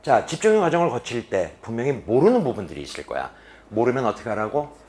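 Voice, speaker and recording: A fast-talking male teacher with a medium-pitched voice lectures on English reading to students at a boarding academy. He quizzes them and supplies the answers himself, switching from animated energy to abrupt, hushed emphasis, while a bit of background noise sits under his voice.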